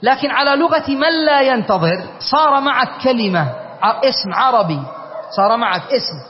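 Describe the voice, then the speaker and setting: High-voiced man teaching grammar in a hall. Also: expressive, moderate pace, slight background noise. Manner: questioning students, spelling out word forms. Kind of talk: classroom grammar lesson. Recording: dull long-reverb lecture hall recording.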